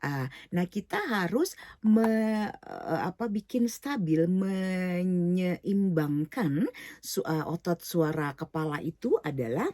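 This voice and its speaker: A middle-aged woman teaching an online singing lesson, explaining slowly with many fillers and English words mixed in. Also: lowish voice, expressive, mellow, dry recording, studio quality.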